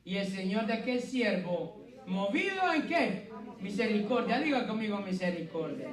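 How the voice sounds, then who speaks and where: A man preaching a sermon in a church, firing rhetorical questions and calling listeners "brother", swinging from loud emphatic peaks to hushed low passages. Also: sing-song, moderate pace, a crowd in the background. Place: church hall with congregation. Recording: echoey hall, voice from a distance.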